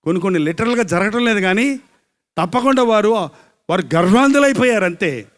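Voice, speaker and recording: A male pastor delivers a live sermon, driving each point home with rhetorical questions and repeated phrases. His voice sits high for a man and keeps swinging between hushed asides and loud, ringing declarations. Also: lively intonation, fairly quick. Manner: emphatic, rhetorical questions, repetition.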